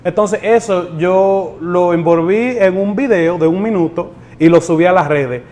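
A man's voice: sits high, a little slow, a little mellow. A man with a Dominican accent, born in the United States, talking easily in an interview and often repeating words. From born in the United States to Dominican parents. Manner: easygoing, repeats words, mixes in English phrases. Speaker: guest. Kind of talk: casual interview talk.

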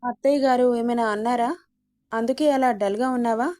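A woman voicing a gentle, devoted young wife who feels unwell, in a storybook reading. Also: fairly high pitch, fairly even intonation, fairly quick, natural voice.

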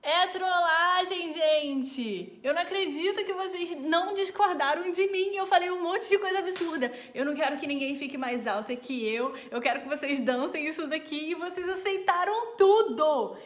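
A woman's voice: very high voice, fairly quick, few pauses. A young woman, a bride chatting casually for her vlog and laughing often. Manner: giggly, laughs often, animated. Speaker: bride and vlogger.

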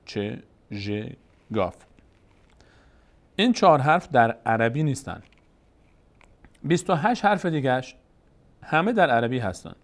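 Male teacher, gravelly voice, patient step-by-step explainer. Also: medium pitch. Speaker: Quran reading teacher. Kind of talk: lesson.

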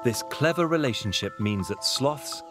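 A man's voice: mid-range voice, lively intonation, normal speed. A man delivering scripted narration for a nature documentary. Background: music.

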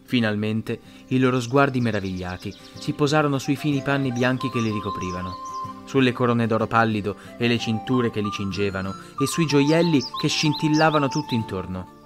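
A man narrates a fantasy tale at a measured pace, expressive and steady. His voice sits at an ordinary middle pitch, with faint music in the background. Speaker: audiobook narrator. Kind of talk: scripted audiobook narration.

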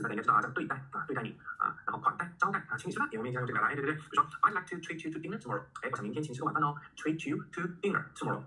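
A man teaching English vocabulary in a recorded lecture, animated and joking, spelling words out letter by letter. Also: medium pitch, rough recording.

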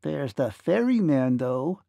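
A man's voice: fairly high pitch, big pitch swings, slow, vocal fry, mellow, no room sound, exaggerated voice. A man reading a children's storybook aloud and voicing a tiny, teasing male ferryman who turns out to be a giant. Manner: teasing, sly.

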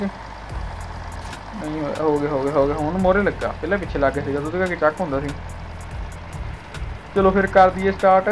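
A man's voice: high-pitched, rough recording. A young adult man records a casual gameplay voice-over. He banters along, tossing out exclamations and saying short phrases several times over. Music plays behind him. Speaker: gaming video creator.

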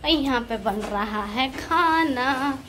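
Unhurried high-voiced woman vlogging. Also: pushed and bright, slight background noise. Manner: unhurried, shows things to the camera. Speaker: family vlogger. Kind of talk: casual vlog narration.

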